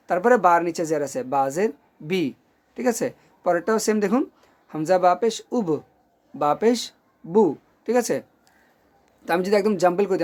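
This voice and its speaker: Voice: medium pitch, a little mellow. A Quran reading teacher giving a recorded online lesson, patiently drilling syllables one by one and often asking if the listener is following. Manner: patient, checks in often with "okay?"; drills syllables slowly and clearly.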